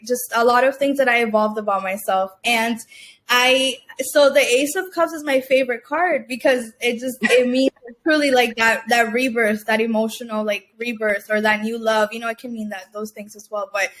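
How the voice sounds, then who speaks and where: A woman's voice: fairly high pitch, steady tone, moderate pace, a bit bright. A young woman from Cuba, a guest entrepreneur talking casually in an interview, chatty and full of fillers and restarts. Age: young adult. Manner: chatty, many fillers and restarts, laughs often.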